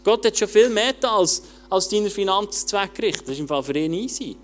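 A man preaching a casual, colloquial sermon, talking straight to the listener and swinging between loud urging and quiet intensity. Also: high voice, expressive, fairly quick.

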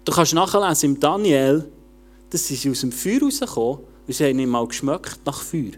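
A man preaching a casual, colloquial sermon, talking straight to the listener and swinging between loud urging and quiet intensity. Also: on the high side, lively intonation, moderate pace.

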